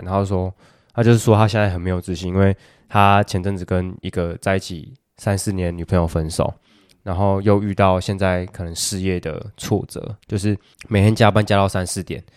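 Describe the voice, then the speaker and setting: Low-voiced man telling a story. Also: a little mellow. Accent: Taiwanese Mandarin. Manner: storytelling, acts out quoted phone talk. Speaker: podcast co-host. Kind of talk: casual chat.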